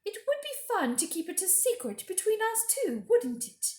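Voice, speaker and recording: A woman voicing an imperious, falsely sweet witch queen from a storybook, with a grand, coaxing, drawn-out delivery. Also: extremely high pitch, very animated, darkish tone, voice pushed up. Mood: coaxing, sly. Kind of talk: storybook character reading. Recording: echoey room.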